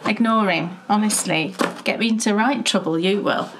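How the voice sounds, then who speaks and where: A woman of fifty chatting casually as a knitting show co-host, telling stories with laughs and lively animation. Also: medium pitch, moderate pace, noisy background. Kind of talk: casual chat.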